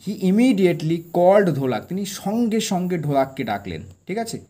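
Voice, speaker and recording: A man teaching English by reading a story aloud and translating it line by line. He reads the English slowly and with stress, explains each word, and keeps asking a quick tag question to check that the listener is following. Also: high voice, sing-song, mellow.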